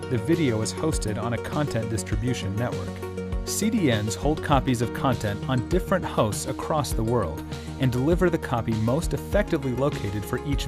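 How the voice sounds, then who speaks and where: A man reading a scripted explainer as its narrator. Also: medium pitch. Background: prominent guitar music.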